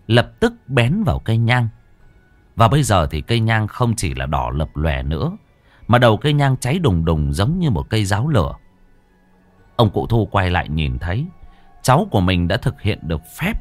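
A man narrating a scripted horror story with lively, dramatic delivery. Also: fairly low pitch, no echo. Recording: dry close voice, faint music.

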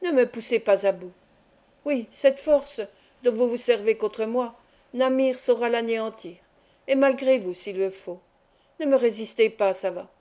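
A woman's voice: a little high, measured pace, mellow, lightly acted. A woman reading the part of a menacing man forcing a young woman toward marriage, cold and threatening. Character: menacing villainous man pressing a forced marriage.

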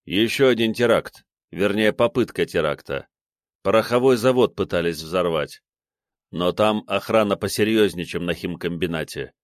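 Businesslike major, brisk and matter-of-fact, read by a male narrator; lowish, dry. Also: dry recording, lightly acted.

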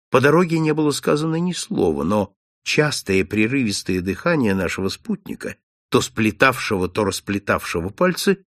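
Gravelly expressive male narrator. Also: medium pitch, dry recording, clean studio sound. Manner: expressive storytelling. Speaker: audiobook narrator. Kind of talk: scripted narration.

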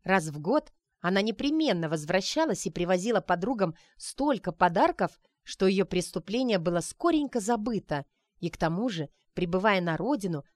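A woman narrating a story as an audiobook, reading lively and voicing the characters' lines with expression. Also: medium pitch, dry recording. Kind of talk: audiobook narration with acted dialogue.

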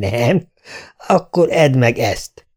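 A man's voice: medium pitch, animated, creaky, darkish tone. A man reading the lines of an arrogant young prince in a fantasy audiobook, taunting and cruel. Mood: mocking.

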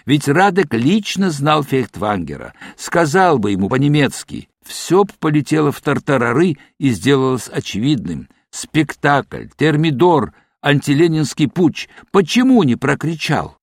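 A man narrating a novel as an audiobook, in an expressive, brooding manner. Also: on the high side, measured pace, hardly any pauses, no room sound, clean studio sound.

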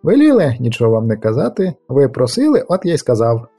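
A man's voice: mid-range voice, wildly swooping pitch, fast talker, dark tone, slightly rough, faint music behind, heavily acted. A man voicing a touchy, lecturing middle-aged castle steward in an audiobook. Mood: huffy. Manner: offended, lecturing.

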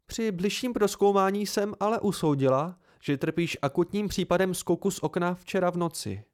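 A man voicing a brisk, dryly teasing young woman healer in a read-aloud novel. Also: high voice, pitched above the performer's own voice, lightly acted.

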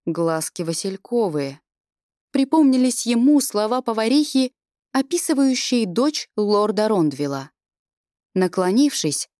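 A woman reading a fantasy novel aloud in measured, expressive scripted narration. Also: on the high side, dry recording, studio quality. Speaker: audiobook reader.

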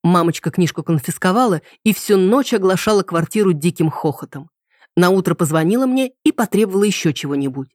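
A woman narrating an audiobook in the first person with an ironic, lively storytelling manner. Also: on the low side, brisk, no echo, clean studio sound.

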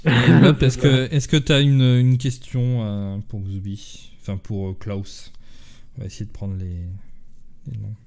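A man's voice: medium pitch, level tone, unhurried, vocal fry, a crowd in the background. A man acting as game master in a casual role-play session, hesitant and often repeating himself as he thinks.

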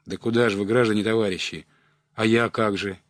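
A man's voice: lowish voice, steady tone, brisk, no echo, studio quality, natural voice. A man voicing a simple, bewildered village man who pleads in rustic speech during a story reading. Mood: desperate. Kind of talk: audiobook character voice.

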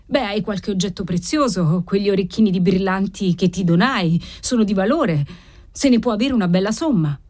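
A woman's voice: medium pitch, normal speed, darkish tone, close to an everyday voice. A woman reading a novel aloud, voicing an anxious husband who pleads and blames himself in a broken voice. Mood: pleading. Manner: pleading, breaking, self-reproaching. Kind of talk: audiobook character reading.

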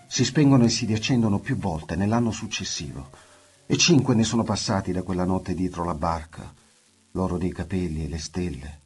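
A man's voice: low-pitched, a little mellow. A man reads a literary novel aloud in an intimate, reflective voice. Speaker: audiobook narrator. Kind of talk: literary audiobook reading.

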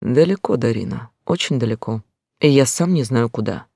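A man playing a calm, cold male fixer with a mocking edge, speaking in a measured way. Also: mid-range voice, vocal fry, no echo, studio quality. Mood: quiet.

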